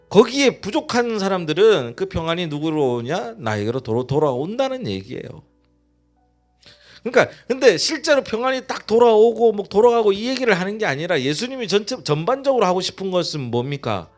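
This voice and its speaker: A male pastor preaching a sermon, leading the congregation in reading and asking them questions. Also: a little high. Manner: lively sermon with call-and-response reading.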